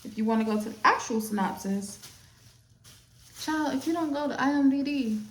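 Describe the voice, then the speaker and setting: A woman chatting casually while doing makeup, retelling a movie in a sassy, animated way. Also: sits high, normal speed, reverberant. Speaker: makeup artist.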